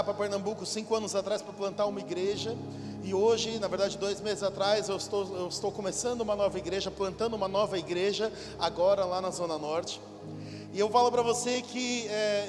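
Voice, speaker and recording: In a reverberant conference church hall with music behind him, a high-voiced man, a pastor from São Paulo, Brazil, offers a sermon and spoken prayer. He addresses God in a fervent, repetitive way.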